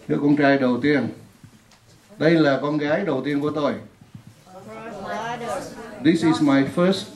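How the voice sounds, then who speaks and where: A woman teaching an English lesson in a classroom, patiently repeating words for her students to drill. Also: low-pitched. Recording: echoey room.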